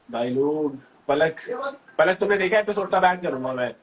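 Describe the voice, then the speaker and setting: A man's voice: a little high, rough recording. A young man from North India hosting a casual phone live stream, reading fan comments aloud and answering them in a chatty way. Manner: chatty, mixes Hindi and English, reads comments aloud then answers them. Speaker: host of a social media live stream.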